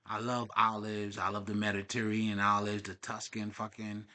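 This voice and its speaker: A man's voice: on the low side, completely flat delivery, normal speed, bright, forceful tone. A young man talking in a casual, profane, rambling monologue as a spiritual vlogger. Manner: profane, streetwise, digressive.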